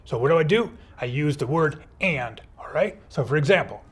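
Taking on the role of a comma superhero, this male teacher keeps the grammar lesson for children fun and upbeat. He speaks at a normal speed with a somewhat high, slightly rough voice and lively intonation.

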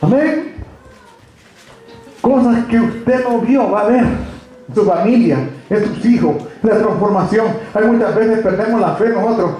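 A man's voice: sits high, lively intonation, unhurried, dark tone, faint music behind. A man preaching a sermon as pastor, speaking with emphasis and calling out to the congregation. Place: church hall. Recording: very echoey church hall.

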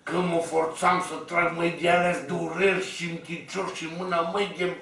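A storyteller vlogger rambles through a personal story, coarse, blunt and colloquial, speaking directly to his listeners. His voice sits on the high side, flat and a bit bright with vocal fry, captured far from the mic under heavy reverb.

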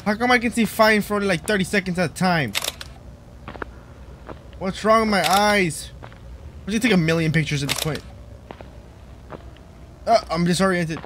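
A man's voice: sits high, normal speed, pauses often, background noise. A young man giving goofy, jokey commentary while playing a horror game for his channel. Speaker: gaming channel host.

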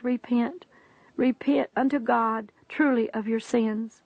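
A woman's voice: fairly high pitch, gravelly, no echo. A woman reading a religious testimony aloud in an earnest, preachy way, calling the listener her friend. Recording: dull, dry lo-fi recording.

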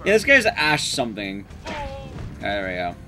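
Over music, a man in his thirties, a streamer and speedrunner, jokes his way through live game commentary and chats with viewers from a small room at home. His voice sits on the low side with wildly swooping pitch and a measured pace, and he swears mildly in his casual banter.

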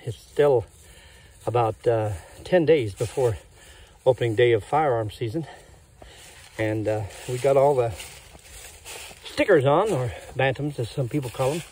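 Filmed on a handheld phone with a little hiss or hum, an older man gives a casual walkthrough of his woodland cabin outdoors, talking in a rambling, folksy way full of fillers. His medium-pitched voice is a little mellow and unhurried, with long pauses.

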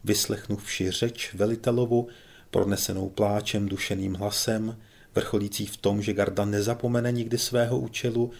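A man reading a humorous story aloud in a measured, ironic storytelling manner. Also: fairly low pitch, little pitch movement, gravelly, a little mellow. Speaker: audiobook narrator. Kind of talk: humorous audiobook narration.

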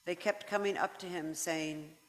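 A narrator reading the Passion at a church service, steady and even. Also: mid-range voice, moderate pace. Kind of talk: liturgical scripture reading. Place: large church. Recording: church with long reverb.

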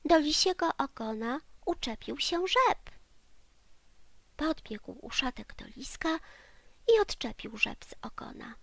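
A woman narrating a children's audiobook in a gentle, drawn-out voice that often drops into soft whispers. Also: high-pitched, animated, no echo. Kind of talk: storybook reading for children.

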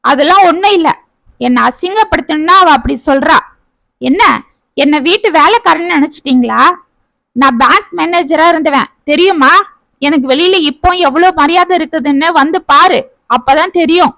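A woman's voice: high voice, moderate pace, vocal fry, pushed and bright, dry recording, full character voice. A woman voicing a grumpy retired older man who grumbles and complains, in a family story. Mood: grumbling. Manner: sulking, complaining.

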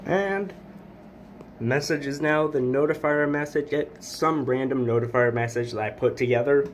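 A man's voice: mid-range voice, normal speed, a little hiss or hum. A man chatting casually as he hosts a hobby equipment demonstration, recorded indoors on a handheld camera. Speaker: hobbyist video host. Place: indoors, beside plywood test board.

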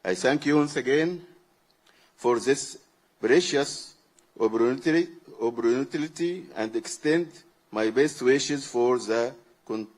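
A man delivers a formal, prepared speech of thanks as a guest, in deliberate ceremonial phrases. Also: medium pitch, a little mellow. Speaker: guest speaker, book fair participant.

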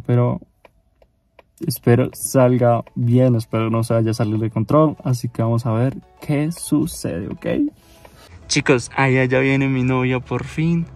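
Young male vlogger, mid pitch, mellow tone, jittery and excitable, phone mic in a car. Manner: excitable, nervous, talks straight to camera. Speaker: prank vlogger. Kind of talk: casual prank vlog. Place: inside a parked car. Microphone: phone camera at arm's length.

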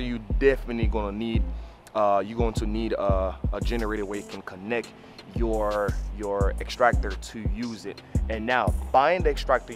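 A man in his thirties with a fairly low voice talks casually to the camera like a hands-on instructor. He explains step by step, often repeating words and addressing viewers directly. He is recorded outdoors on a camera mic, with clear music behind him. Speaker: mobile car detailer and video host. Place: outdoors on an open rooftop parking lot beside a van. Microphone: camera mic, mostly handheld at arm's length.

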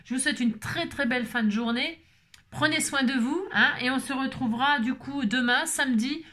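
A woman's voice: high-pitched, normal speed, pushed and bright. A woman craft vlogger chatting casually and playfully, tagging "hein" onto her sentences and breaking into bits of song. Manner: bubbly, chatty, playful, sings snippets; repeats "hein" constantly. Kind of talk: casual chat.

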